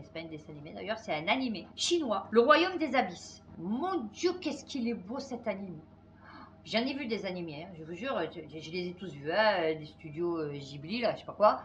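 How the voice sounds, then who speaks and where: Middle-aged woman host, fast and excitable casual chat, many fillers, mid pitch, faint noise. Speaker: channel host.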